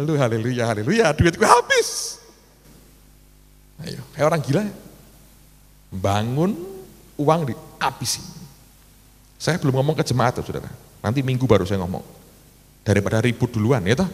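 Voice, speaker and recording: Lively preacher in a big hall. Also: male voice, medium pitch. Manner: colloquial storytelling, acts out dialogue in shifting voices; addresses the congregation as saudara. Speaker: pastor. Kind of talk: sermon. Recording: live church sermon in a reverberant hall.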